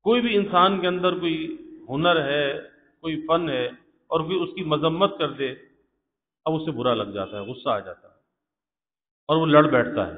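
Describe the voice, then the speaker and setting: Male preacher, measured and explanatory, recorded in a long-echo hall. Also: fairly high pitch. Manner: measured, explanatory, with rhetorical questions. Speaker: religious teacher. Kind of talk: evening sermon lesson. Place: mosque prayer hall. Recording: phone-like, echoey hall, faint hum.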